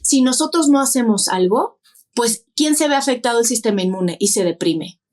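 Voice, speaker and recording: A woman's voice: a little high, expressive, moderate pace, darkish tone. A woman, a podcast guest who explains things step by step and poses rhetorical questions. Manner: didactic, lists points and asks rhetorical questions. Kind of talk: explanatory interview talk.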